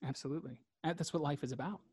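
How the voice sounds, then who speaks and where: A man's voice: on the high side, fairly even intonation, rapid-fire, a little mellow, breathy edge, dry recording. Earnest man repeating phrases for emphasis. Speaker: interview guest. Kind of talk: reflective conversational interview.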